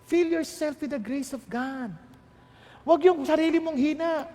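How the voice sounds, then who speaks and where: A man's voice: very high-pitched, a little slow, warm tone, long reverb tail. A middle-aged Filipino man preaching a sermon, mixing languages in a playful, emphatic way. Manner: switches between Tagalog and English, playful and emphatic. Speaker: pastor.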